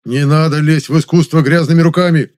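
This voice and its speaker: A man's voice: a little high, steady tone, brisk, pitched above the performer's own voice, close to an everyday voice. A man reading aloud, voicing an indignant, pompous theatre director who raises his voice in outrage. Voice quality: loud, huffy. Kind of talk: audiobook character voice.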